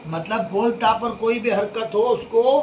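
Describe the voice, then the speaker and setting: A teacher drills a class in call and response, stating each rule and then firing questions back at the students. The voice sits at a middle pitch and comes from well back, off a distant mic. The room rings with echo, and a faint hiss runs underneath. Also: measured pace. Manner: repeats rules and quizzes students with questions. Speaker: religious studies teacher.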